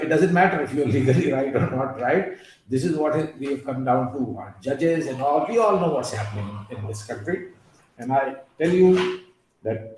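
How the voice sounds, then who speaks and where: His voice on the high side and a little mellow, a man gives an emphatic, earnest webinar lecture as a guest speaker, drifting into personal asides and leaning on fillers like "uh." He's heard via video call from a very echoey room.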